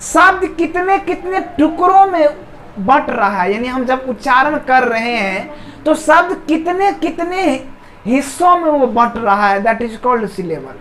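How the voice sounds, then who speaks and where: Woman teacher, high voice, slow, repeats words, quizzes viewers. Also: big pitch swings, fairly bright tone, a little hiss or hum, low-quality recording. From India. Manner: repeats key words slowly, asks the viewers questions. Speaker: English grammar teacher. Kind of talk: explaining a lesson.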